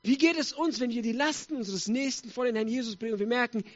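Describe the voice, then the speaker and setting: A man's voice: very high-pitched, quick pace, lo-fi sound. A middle-aged man preaching a sermon emphatically, putting rhetorical questions to his congregation.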